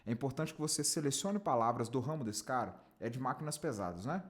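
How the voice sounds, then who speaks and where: A man's voice: medium pitch, fast. A man mentoring on cold calls, coaching directly and acting out examples. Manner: animated, direct, demonstrates with lively intonation. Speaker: sales mentor.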